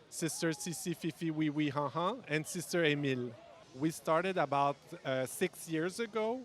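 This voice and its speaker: A man's voice: on the high side, a bit bright. Man speaking hesitant second-language English. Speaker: founding member of a charity order. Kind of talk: interview answers.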